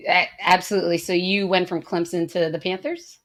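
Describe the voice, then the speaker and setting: A woman's voice: fairly low pitch, little pitch movement, fairly quick, fairly bright tone. A woman hosting a podcast, teasing her guest in casual chat. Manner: teasing, jokey interjections. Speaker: podcast host.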